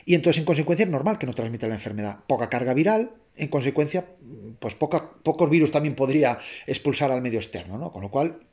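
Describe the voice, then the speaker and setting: A man with a Spain Spanish accent talks through a science topic in a loose, explanatory way. His voice sits at a middling pitch. He often stops to correct himself and checks that his listeners follow. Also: animated, fast talker, mellow. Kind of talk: informal explanatory talk to an audience.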